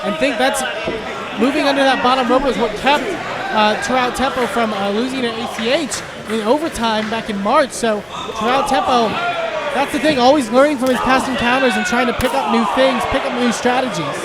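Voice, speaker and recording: A man giving live play-by-play as a pro wrestling commentator, excitable and shouting out the moves. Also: very high voice, fairly quick. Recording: noisy live arena with loud crowd. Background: loud crowd and venue noise.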